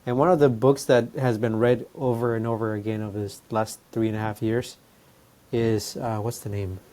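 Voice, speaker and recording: A man's voice: lowish voice, steady tone, normal speed, mellow. A young man co-hosting a casual podcast chat, speaking English with an accent, easygoing and enthusiastic. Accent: non-native English accent. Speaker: podcast co-host.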